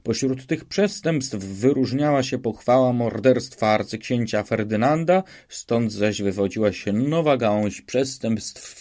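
A man narrating an audiobook in an even, measured storytelling manner. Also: mid-range voice. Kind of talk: scripted narration.

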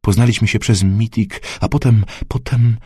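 A man's voice: fairly low pitch, fairly even intonation, normal speed, dark tone, husky, no room sound, pitched above the performer's own voice. Audiobook figure: half-awake, frightened mother, read by a man, faint mumbling, dry close sound. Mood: dazed frightened. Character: dazed, frightened middle-aged mother just waking.

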